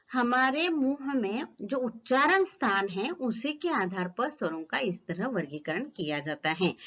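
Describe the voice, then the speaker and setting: Woman teacher, high animated voice, careful slow explanations, slightly muffled recording. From Maharashtra, India. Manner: slow, deliberate, models each vowel sound aloud. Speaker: Hindi grammar teacher. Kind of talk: recorded online grammar lesson.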